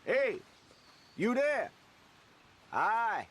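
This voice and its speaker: A hapless, folksy traveler in a western video game, talking slowly and politely. His drawl is unhurried and plain. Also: sits high, very animated, fairly bright tone, heavily acted. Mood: friendly. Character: folksy hapless traveling man, stranded wagon driver.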